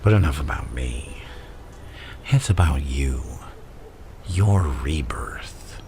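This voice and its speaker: A man playing a theatrical, manipulative madman supervillain in an ASMR roleplay, speaking in a gravelly, breathy half-whisper and savouring each phrase. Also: extremely low pitch, expressive, takes it slowly, dark tone, a little hiss or hum, exaggerated voice. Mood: intimate, reflective menace. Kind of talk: ASMR villain roleplay monologue.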